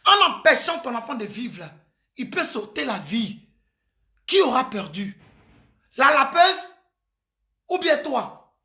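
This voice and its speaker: High, bright-voiced emphatic woman. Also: big pitch swings, slow pace, pauses often. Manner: emphatic and preachy, with exclamations and address to the listener. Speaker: commentator giving advice. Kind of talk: impassioned advice monologue. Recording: echoey room.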